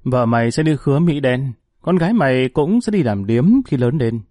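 A man's voice: mid-range voice, animated, normal speed, dark tone, no echo, studio quality, natural voice. A man voicing an old male convict who cruelly taunts a newcomer in a spoken story. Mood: taunting. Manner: gloating, taunting.

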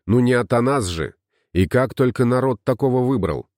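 A man's voice: mid-range voice, animated, normal speed, a little mellow, no echo, clean studio sound, natural voice. A man reading an audiobook, voicing a grim, red-haired wandering herbalist who speaks tersely. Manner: terse, curt.

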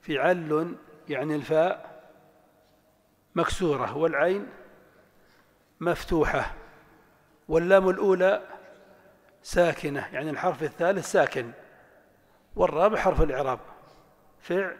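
A man teaching a grammar class, slowly drawing out word patterns and asking and answering his own questions. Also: fairly high pitch, long reverb tail. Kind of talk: classroom lecture explaining grammar.

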